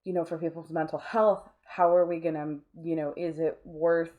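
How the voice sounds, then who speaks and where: Her deep, slightly mellow voice stays flat at a moderate pace as she talks casually in an interview. An artist and voice actor, she's reflective and often begins sentences over again.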